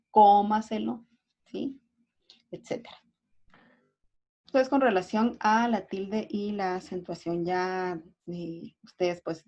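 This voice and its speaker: Mellow-voiced teacher reviewing a lesson. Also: female voice, mid-range voice. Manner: explains step by step, often asks "¿verdad?" and "¿sí?". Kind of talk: recorded class review lesson. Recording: dull lo-fi recording.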